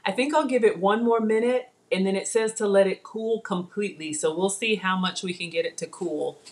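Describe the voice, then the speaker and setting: With a mid-range voice and a fairly quick pace, a middle-aged woman runs a casual live cooking demo at home, chatting as she works and naming commenters. Sound comes from a fixed camera at counter distance.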